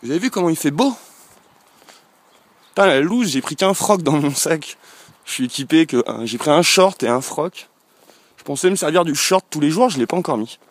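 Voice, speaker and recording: This man from France, a travel vlogger, has a somewhat high, animated voice and a moderate pace. He pauses often while rambling casually to his handheld camera on a walk through a village street, hesitating a lot.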